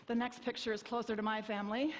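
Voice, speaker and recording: A woman's voice: a little high, little pitch movement. A middle-aged woman pastor giving an earnest sermon in a church, sometimes quoting others as she speaks. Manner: slow, earnest preaching with quoted speech. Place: church sanctuary. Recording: long reverb of a church hall.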